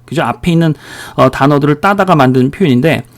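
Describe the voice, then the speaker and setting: A man's voice: a little high, quick pace. A man giving a recorded English pronunciation lecture, drilling words and asking the listener questions as he goes. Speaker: English teacher.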